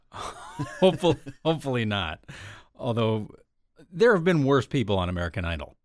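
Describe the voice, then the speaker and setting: A man's voice: on the low side, very animated, fairly quick, no echo, clean studio sound. A man co-hosting an entertainment podcast, talking casually and rambling with lots of fillers. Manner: chatty, rambling with many fillers. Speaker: podcast co-host.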